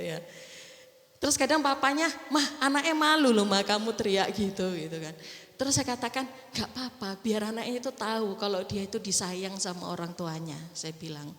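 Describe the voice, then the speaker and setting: A middle-aged woman preaching a sermon in a chatty, lively way, acting out quoted voices and laughing often. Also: mid-range voice. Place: church hall. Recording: echoey church hall with long reverb.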